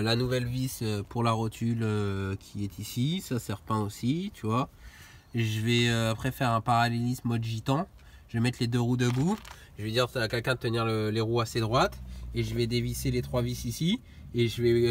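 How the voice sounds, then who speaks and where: A man's voice: mid-range voice, slight background noise. A young man casually explaining a car repair in a workshop, slangy and swearing, constantly saying "tu vois". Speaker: car mechanics vlogger. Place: garage workshop.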